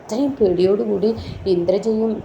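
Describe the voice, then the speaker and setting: A woman's voice: medium pitch, normal speed, gravelly, dull audio, noisy background. A woman casually recapping a serial's plot for her listeners, chatty and talking straight to them. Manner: chatty, keeps addressing listeners with tag words.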